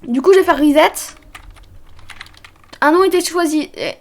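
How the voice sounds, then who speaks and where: A young woman with a very high, light voice gives casual let's-play commentary to her chat. She is chatty and bubbly, and keeps stumbling and restarting as she explains the game. Keyboard typing can be heard behind her. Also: measured pace. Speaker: streamer.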